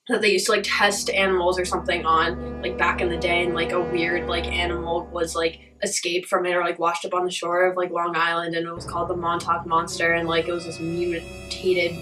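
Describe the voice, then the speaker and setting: Bright-voiced young woman, puzzled dream recounting. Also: fairly low pitch, fairly even intonation, a little fast, recorded from a distance, soft background music, low-quality recording. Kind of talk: casual storytelling to camera.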